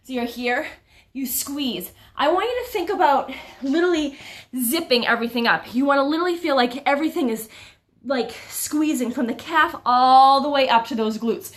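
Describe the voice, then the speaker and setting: A woman's voice: sits high, normal speed. A woman fitness instructor leading a live-streamed workout, a little out of breath, upbeat and chatting with her viewers. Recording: echoey room, voice from a distance.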